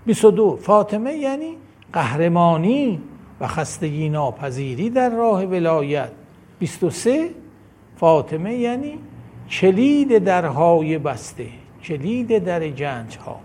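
A man's voice: high-pitched, big pitch swings, a little mellow, a little hiss or hum. A man giving a devotional lecture, reading a numbered list of points in a declamatory way that rises on each number. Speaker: religious lecturer.

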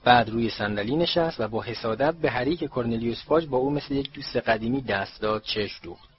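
Male audiobook narrator, steady measured reading, middle pitch, dull lo-fi recording. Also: slight background noise. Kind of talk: scripted storybook narration.

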